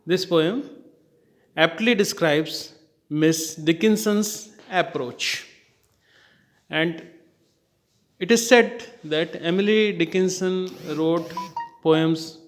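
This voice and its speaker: Slow, repetitive man with an Indian English accent. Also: a little high. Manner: slow, repeats key points for emphasis. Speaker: literature teacher. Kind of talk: classroom lecture.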